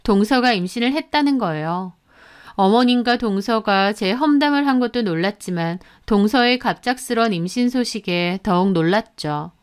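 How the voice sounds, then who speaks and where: A woman narrating her own story in a radio drama, speaking in a calm but hurt and indignant way. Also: mid-range voice, normal speed, clean tone.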